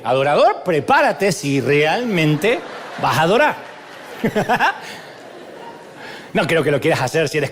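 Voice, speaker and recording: A man's voice: a little high, fairly bright tone, slight background noise. A middle-aged man with an Argentine accent preaching a humorous sermon to a live congregation, mimicking church members and joking with the crowd. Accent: Argentine Spanish.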